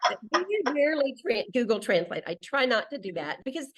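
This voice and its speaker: A woman in her sixties, a native English speaker and solo traveler, is an interview guest telling stories casually in a high-leaning, very animated voice at a quick pace. She often interrupts herself and acts out quotes. There's background noise.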